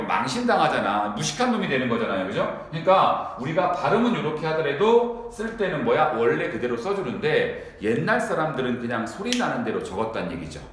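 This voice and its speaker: A man teaching a lecture to students, who keeps asking them quick rhetorical questions. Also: fairly high pitch, a bit bright. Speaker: Korean language teacher. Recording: very echoey room.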